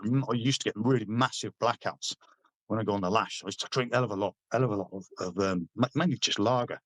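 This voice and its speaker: Speaking on the low side with a fairly bright tone, a middle-aged British veteran guests on a podcast. He swaps laddish anecdotes casually, cursing freely and voicing the characters he quotes. The recording is dry.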